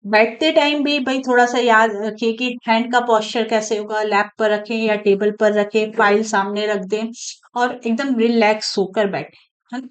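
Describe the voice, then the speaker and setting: A woman's voice: fairly high pitch, low-quality recording. A woman teaching in a conversational coaching-lecture style, often adding tag questions to check in with her students.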